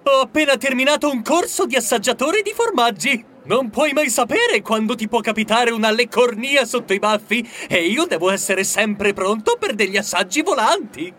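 A man's voice: very high-pitched, lively intonation, normal speed, few pauses, bright, forceful tone, slight background noise, exaggerated voice. A man voicing a greedy, teasing mouse cousin in a children's audiobook, boastful and cheeky. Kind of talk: audiobook character voice.

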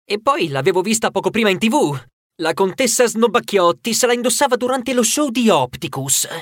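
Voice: mid-range voice, big pitch swings, normal speed, no echo, studio quality. A performer voicing a clever young male mouse who loves puzzles, explaining things earnestly in an audiobook. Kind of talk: audiobook character voice.

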